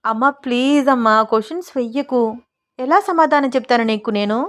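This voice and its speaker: A woman voicing a shy, playful young bride in a narrated story, coy and higher-pitched. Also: a little fast, lightly acted. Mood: embarrassed. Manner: coy, bashful, higher and brighter.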